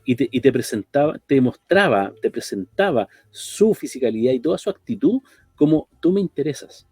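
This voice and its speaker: A man's voice: medium pitch, dark tone, no echo, studio quality. A man co-hosting a talk program, speaking reflectively and often ending phrases with a questioning tag. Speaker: radio program co-host.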